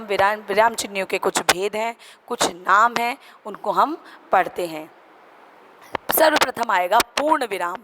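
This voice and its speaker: A woman teacher giving a recorded grammar lesson to children, explaining slowly, repeating example sentences and mixing in English words. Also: fairly high pitch. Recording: noisy recording with clicks.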